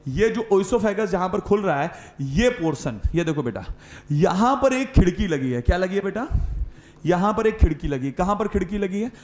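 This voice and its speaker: High-voiced male biology teacher, echoey room. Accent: Hindi-speaking north Indian. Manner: repeats questions and answers, calls listeners beta and sir. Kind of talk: classroom lecture with call-and-response drilling.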